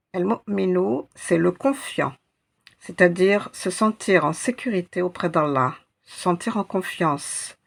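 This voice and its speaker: Slow husky woman teaching Arabic letters. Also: fairly low pitch. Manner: patient, repeats sounds syllable by syllable. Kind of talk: slow step-by-step lesson.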